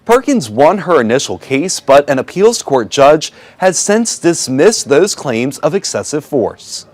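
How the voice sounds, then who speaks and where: A man's voice: a little high, sing-song, a little slow, dry recording. An American man delivering a scripted television news report as a reporter.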